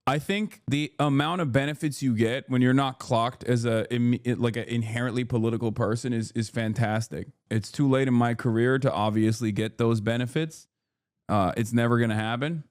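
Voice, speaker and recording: A man's voice: medium pitch, moderate pace, darkish tone, dry recording, clean studio sound. A man in his thirties who grew up in Turkey, rambling and joking through casual, profane reaction commentary. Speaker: streamer reacting to clips.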